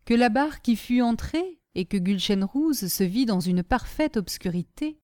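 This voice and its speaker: A woman narrating a classic tale as an audiobook reader, in a measured storytelling manner. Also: a little high, animated, mellow, dry recording, studio quality. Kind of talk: scripted narration.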